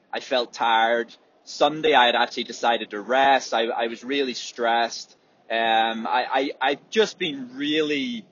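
A man with a husky, swollen-sounding sore throat, talking in a rambling, reflective, hesitant way on a casual solo podcast. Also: mid-range voice, a bit bright, lo-fi sound. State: sore, swollen throat, often needing clearing. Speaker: podcast host and athlete.

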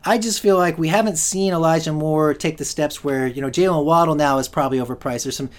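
A man with a fairly high voice talks quickly, hosting a solo fantasy football podcast. He rambles with plenty of fillers and restarts, and his voice is giving out.

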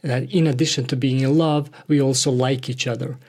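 Brief: male podcast host, mid-pitched, halting, lots of uh between words. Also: steady tone, a little mellow. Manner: hesitant, many fillers and restarts. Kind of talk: conversational interview.

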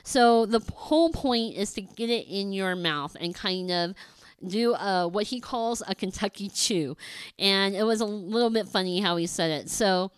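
Woman, casual podcast host, chatty storyteller, very clear voice, dry close sound. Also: medium pitch, moderate pace, no echo. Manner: chatty, storytelling, many ums.

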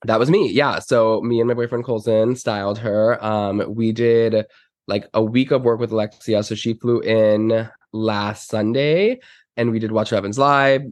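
A man's voice: lowish voice, steady tone, moderate pace, no echo. A man with a stuffy, congested nose from being sick, chatting casually as a podcast guest in a gushing, slangy, emphatic way. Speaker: podcast guest, celebrity stylist. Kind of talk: casual chat.

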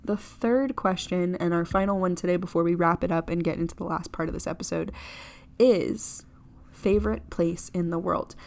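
A woman's voice: on the low side, moderate pace, gravelly, darkish tone. A young American woman hosting her own podcast, talking casually in a rambling, chatty way, full of "like" fillers and blunt swearing. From United States. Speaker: podcast host. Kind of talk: casual solo podcast chat.

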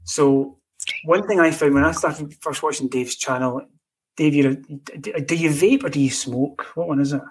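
A man hosting a casual podcast chat, playful and quick to praise his guests. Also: on the high side, husky. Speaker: podcast host.

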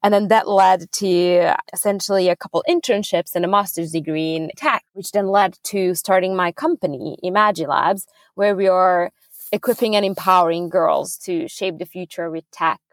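A young Hungarian woman who founded a startup answers interview questions earnestly and fluently, with small restarts along the way. Her voice sits on the lower side, and the recording is dry.

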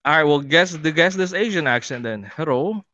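A man's voice: a little high, brisk, sharp tone, no echo, highs cut off. A man co-hosting a casual podcast, joking around and trying out silly accent voices. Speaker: podcast co-host. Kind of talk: casual chat.

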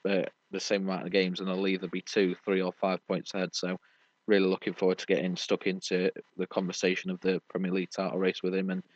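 British bloke hosting a sports pod, low voice, matey rambly chat, dry lo-fi sound. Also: male voice, completely flat delivery, fast talker, no room sound. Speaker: sports podcast host. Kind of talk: casual sports review chat. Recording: dull lo-fi audio.

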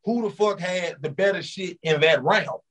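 A man's voice: sits high, normal speed, a bit bright. A man speaking as a podcast guest in casual, opinionated slang, bluntly and with easy swearing.

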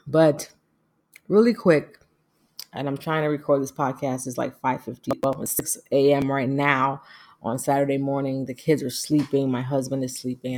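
With a rumbling low voice and dark tone, a middle-aged woman speaks as a podcast host, casual and earnest, her manner reflective and devout.

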